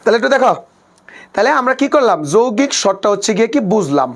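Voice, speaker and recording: Teaching a live online class, this man talks fast in a high, sing-song voice. He repeats every point several times, keeps using the same filler phrase, and jokes teasingly with students as he explains.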